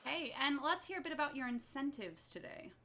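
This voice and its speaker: Bright, upbeat woman hosting a stream. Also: high voice, animated. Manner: upbeat, brisk countdowns. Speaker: speedathon event host. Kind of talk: livestream hosting.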